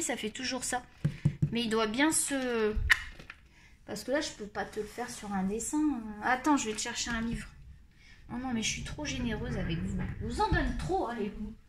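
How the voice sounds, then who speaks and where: A woman with a bright, high voice and a Marseille lilt talks casually as she tries out pencils, rambling and poking fun at herself. A faint hiss sits under her voice. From France. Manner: chatty, rambling, self-mocking. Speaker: coloring channel host. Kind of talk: casual chat while testing art supplies.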